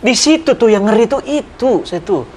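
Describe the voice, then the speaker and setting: Animated storytelling preacher man. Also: moderate pace. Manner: dramatic, swings pitch and loudness while acting out anecdotes; addresses listener directly, persuasive. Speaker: Islamic preacher. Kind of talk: animated religious storytelling in conversation.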